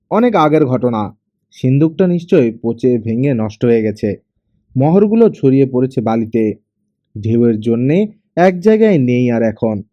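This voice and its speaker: A man's voice: medium pitch, dark tone, dry recording, lightly acted. A man voicing a poor, proud teenage fisher boy in an audiobook, speaking plainly and earnestly. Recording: dull lo-fi audio.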